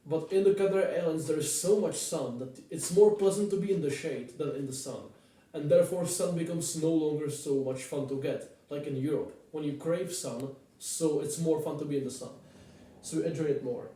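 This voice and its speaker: This vlogger is a man from the Czech Republic whose Czech accent colors his loose, informal storytelling, which wanders and repeats itself. He speaks at a moderate pace with a fairly high, warm voice. A far-off mic picks him up in a heavily echoing room.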